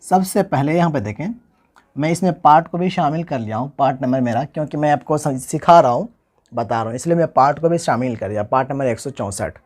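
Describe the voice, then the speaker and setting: A man hosting his own channel, giving an informal spoken lesson, explaining step by step and slowly repeating spelled-out letters. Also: mid-range voice, darkish tone. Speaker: teacher and channel host.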